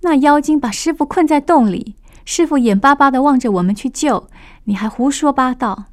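A woman's voice: on the high side, moderate pace, a little mellow, no room sound, natural voice. A commanding, scolding monkey disciple, as a woman storyteller puts him on, raised and emphatic. The sound is close and dry, like a studio radio reading. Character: sharp, bossy male monkey disciple.

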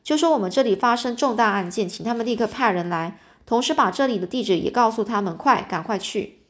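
A woman's voice: a little high, lively intonation, brisk, natural voice. A woman voicing a furious banker father. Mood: urgent. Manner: scolding, shouting accusations. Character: outraged middle-aged male banker father.

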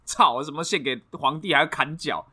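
A man's voice: a little high, normal speed, pushed and bright, husky. A man with a Taiwanese Mandarin accent co-hosting a podcast, bantering with crude, teasing jokes. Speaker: podcast co-host. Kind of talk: casual comedic chat.

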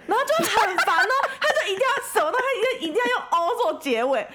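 A woman's voice: very high-pitched, quick pace, very noisy. A young woman, co-hosting a casual chat and telling a funny story with quoted voices. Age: young adult. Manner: animated storytelling with frequent laughter and quoted voices.

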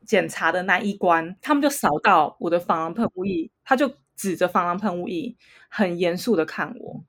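Lively Taiwanese woman telling stories. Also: lowish voice, normal speed. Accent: Taiwanese Mandarin. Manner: animated, laughs often while telling stories. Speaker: podcast co-host. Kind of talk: casual storytelling chat.

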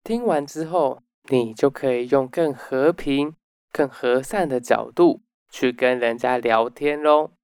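A man hosting a book summary talk, explaining step by step and dropping in soft "oh" particles. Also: medium pitch, measured pace, smooth, no room sound, studio quality. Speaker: podcast host.

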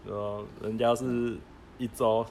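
A man's voice: mid-range voice, level tone, unhurried, a little mellow, a little hiss or hum. A man with a Taiwanese accent co-hosting a casual chat, often stammering and repeating his words. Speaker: podcast co-host.

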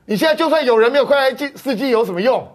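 A woman's voice: high voice, animated, rapid-fire, darkish tone. A woman with a Taiwanese Mandarin accent, a guest on a political talk show, speaking urgently and pleadingly. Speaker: guest doctor.

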